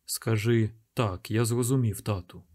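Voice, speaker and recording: A man voicing a desperate father hiding with his son, speaking in a hushed, urgent whisper. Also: on the low side, steady tone, measured pace, lightly acted.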